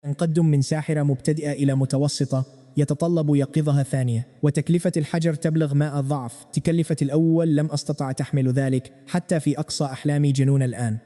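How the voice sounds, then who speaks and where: Male recap narrator, dramatic first-person storytelling, fairly high voice, long reverb tail. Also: warm tone.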